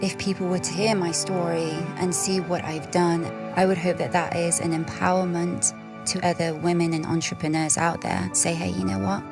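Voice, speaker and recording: Heartfelt low-voiced woman over music. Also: little pitch movement, normal speed, vocal fry. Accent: British. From Syria. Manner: heartfelt, reflective. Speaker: food company founder. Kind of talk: documentary-style narration. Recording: video with loud music behind. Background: loud music.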